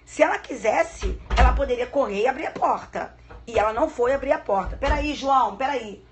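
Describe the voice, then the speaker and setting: A woman's voice: high-pitched, animated, brisk, a little hiss or hum. A middle-aged woman law professor giving a live-streamed lecture, chatty and affectionate, telling a case as a story.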